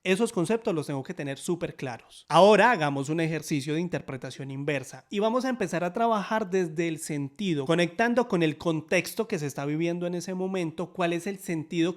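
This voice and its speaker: In a Spanish-language sign language class, the male teacher speaks in a high voice, staying cheerful as he explains and frequently pausing for quick check-in questions.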